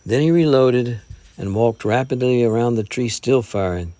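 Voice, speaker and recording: A man reading a story aloud as an audiobook narrator, in an even, unhurried way. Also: mid-range voice, no echo.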